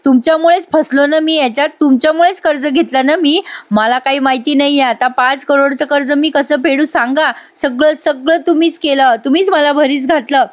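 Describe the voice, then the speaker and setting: A woman narrator voicing a desperate young husband in debt who shouts threats and breaks down wailing. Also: sits high, steady tone, moderate pace, pitched above the performer's own voice, close to an everyday voice. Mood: furious.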